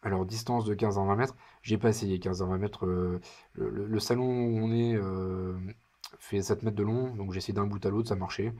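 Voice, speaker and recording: Low husky man unboxing gadgets. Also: fairly even intonation, normal speed, dark tone. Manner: chatty, hesitant, many fillers, wry asides. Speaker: product reviewer. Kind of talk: casual unboxing commentary. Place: living room.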